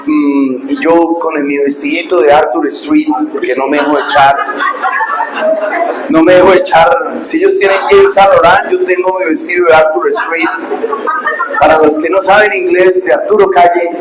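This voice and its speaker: A man pastor, preaching a sermon and telling stories, dropping to hushed asides and rising to loud preaching. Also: fairly high pitch, fairly even intonation, moderate pace, crowd noise. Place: church hall. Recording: echoey hall with background noise.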